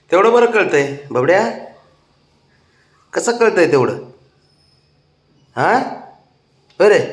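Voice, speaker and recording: A man teasing and coaxing his cats at home in a playful, sing-song baby-talk voice. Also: a little high. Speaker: pet owner talking to his cats.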